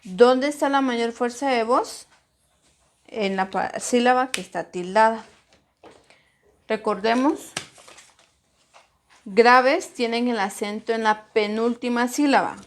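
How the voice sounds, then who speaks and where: A woman teaching a primary school grammar lesson, slowly and deliberately, stressing syllables as she models words. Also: a little high.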